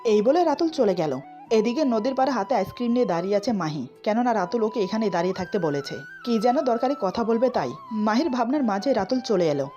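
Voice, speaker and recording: Bengali-accent lady reading a love story, does all the parts herself, a bit muffled sound, soft music under it. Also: on the high side, expressive, a little fast. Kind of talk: scripted narration of a romantic story, voicing all characters. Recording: slightly dull recording with faint music.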